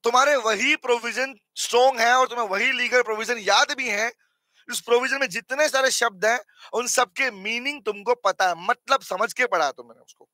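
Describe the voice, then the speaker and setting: A man with a strikingly high, bright voice teaches a live online accounting class, hoarse from talking. He quizzes his students, teases them and keeps the lesson animated. The sound is close and dry. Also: normal speed, dry recording.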